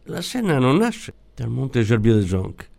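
A man's voice: mid-range voice, very animated, a little slow, gravelly, heavily acted. Man doing a timid, conscientious lieutenant. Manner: hesitant and soft-spoken.

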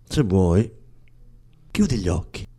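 A man voicing a weary, resigned man leaving his lover, speaking tired and low-key. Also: very animated, slow, warm tone, breathy edge, heavily acted.

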